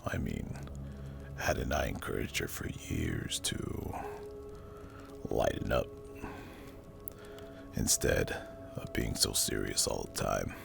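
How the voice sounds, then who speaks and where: A man with a rock-bottom, breathy voice tells a horror story in a hushed ASMR whisper. His delivery is slow, deliberate and spooky, thick with gravelly fry. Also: very deep voice, lively intonation. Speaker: narrator. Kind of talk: whispered ASMR horror storytelling, scripted first-person narration. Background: music.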